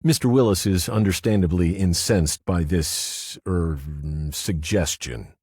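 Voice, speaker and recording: Man playing a deep-voiced prosecutor, measured, formal, self-satisfied, husky, dry booth sound. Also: darkish tone, no room sound. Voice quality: deep, well-modulated. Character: smooth, calculating male prosecutor, politician type.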